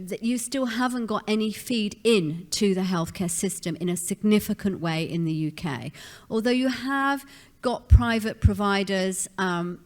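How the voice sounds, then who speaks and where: A woman, a professor giving a conversational academic presentation at a seminar. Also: medium pitch.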